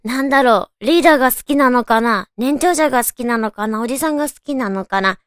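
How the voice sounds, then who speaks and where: A woman chats casually to her radio listeners in a high, cute anime-girl voice. It is very smooth and clean, recorded dry and close, and she muses aloud as she goes. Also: quick pace, no echo. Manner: chatty, musing aloud to listeners. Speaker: radio show host. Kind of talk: casual solo radio chat.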